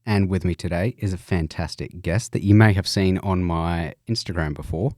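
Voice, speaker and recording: A man's voice: sits low, normal speed, darkish tone, no echo, studio quality. A man with an Australian accent hosting a podcast in a casual, jokey, informal chat style. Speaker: podcast host.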